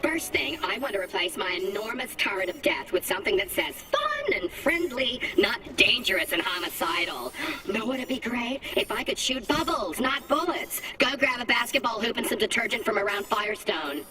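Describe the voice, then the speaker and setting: A cheerful female robot memory packing a murder turret, her robotic voice high and swinging widely as she chatters. She sounds eager and apologetic. Her voice sits a little distant, with loud game music playing behind it. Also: very animated, normal speed. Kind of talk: video game dialogue.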